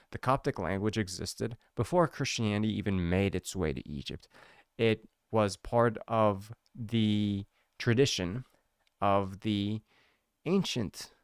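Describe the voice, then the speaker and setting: A man hosting his own channel, giving a casual educational talk to camera in a chatty, explanatory way, slowing down to stress key words. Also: on the low side, clear, resonant tone, no room sound, studio quality. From United States. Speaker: host explaining his church's history.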